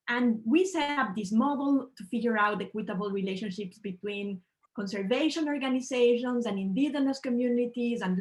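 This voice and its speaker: The audio is poor, but the woman's fairly high voice comes through as she presents on a panel via video call. She is from Ecuador and speaks earnestly and measuredly, with phrasing that's slightly non-native, in this online presentation.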